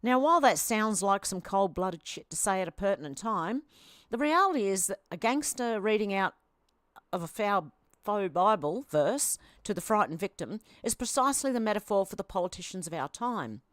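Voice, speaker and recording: An Australian woman reads posts aloud and comments on them bluntly, with a sarcastic edge. Her voice sits at an ordinary pitch, and the sound is dry and close, with almost no room behind it. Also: sing-song, normal speed, dry recording. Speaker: commentary vlogger.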